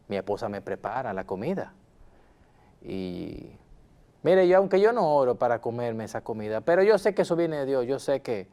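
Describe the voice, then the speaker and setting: A man's voice: medium pitch, dark tone. A man playing a hot-tempered husband in a role-played counseling session, insistent and repeating himself as he talks to his counselor. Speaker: counseling client.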